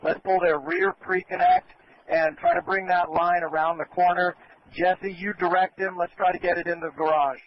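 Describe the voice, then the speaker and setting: A man's voice: high voice, lively intonation, normal speed. A man acting as fire incident commander, giving orderly, polite instructions over a two-way radio. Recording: dull radio recording with faint noise.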